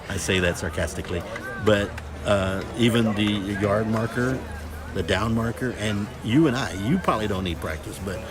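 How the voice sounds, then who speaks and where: A middle-aged man hosts a casual livestream of a football scrimmage, chatting loudly and cracking jokes in a lowish voice at a normal pace. He's outdoors at the field, recording on a phone camera, with the crowd at the game audible behind him.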